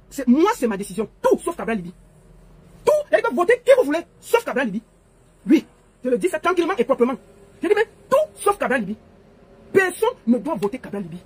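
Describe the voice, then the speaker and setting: A woman's voice: high voice, slightly rough. A woman giving an emphatic, repetitive political monologue to viewers. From Cameroon. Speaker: political commentator. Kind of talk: monologue to camera.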